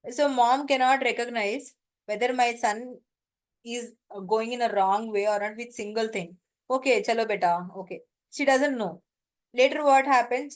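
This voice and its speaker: A woman with an Indian accent giving an informal lecture, explaining step by step and often checking that students follow. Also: fairly high pitch.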